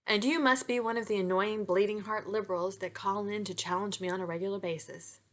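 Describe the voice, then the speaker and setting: A woman's voice: medium pitch, a little fast, close to an everyday voice. A woman author voicing an easygoing, witty male radio commentator in a romance novel reading. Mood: wry. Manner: relaxed, dry humor.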